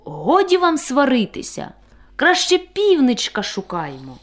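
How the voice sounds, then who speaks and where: A woman voicing a cheeky, bossy male kitten in a storybook tale, with a sharp, scolding manner. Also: sits high, wildly swooping pitch, a little slow, voice pushed up, heavily acted.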